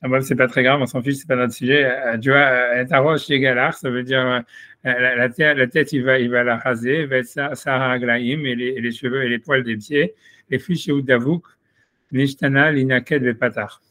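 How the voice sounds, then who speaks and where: A man's voice: medium pitch, fairly even intonation, normal speed, bright, forceful tone. A man, a rabbi explaining a Talmud passage in an informal class, thinking aloud with many restarts and asides.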